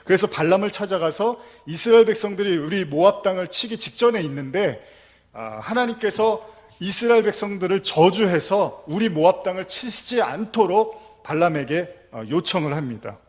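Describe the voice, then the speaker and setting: A man's voice: high-pitched, animated, moderate pace. A man preaching a sermon as pastor, retelling a scripture story and reading passages aloud. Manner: storytelling, reads scripture aloud and acts out quotes.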